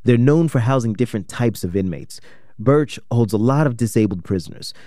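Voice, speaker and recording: A man's voice: medium pitch, animated, fairly quick, dark tone, no room sound, studio quality. A man hosting an investigative radio program, reading scripted documentary narration.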